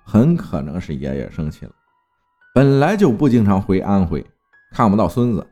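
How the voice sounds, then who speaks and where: Man, storyteller, spooky folk tale, very animated, dark mellow tone. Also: moderate pace, soft background music. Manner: lively, dramatic telling with big swings of pitch.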